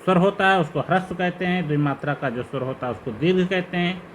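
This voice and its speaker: A man's voice: sits high, a little hiss or hum. A man teaching Sanskrit grammar in a lecture, listing terms one by one and asking questions to lead the class along. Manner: slow, repetitive listing of terms with rising questions.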